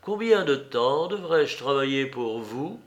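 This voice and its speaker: A man's voice: medium pitch, expressive, slow pace. A man voicing a wary young male adventurer who asks polite, deferential questions, read as an audiobook character.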